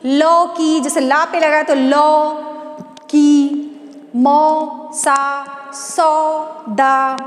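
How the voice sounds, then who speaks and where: Woman teacher, very high voice, asks and answers her own questions, drawn-out syllables, roomy long reverb. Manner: slow, drawn-out sounding of syllables. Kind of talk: Hindi alphabet lesson. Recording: echoey room with long reverb.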